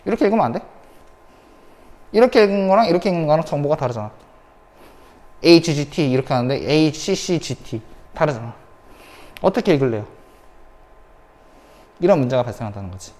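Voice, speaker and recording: A woman's voice: deep voice, big pitch swings, a little fast, pauses often, warm tone, big-room sound. A woman teacher giving an online science lecture, repeating key points and asking the class rhetorical questions. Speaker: high school science teacher.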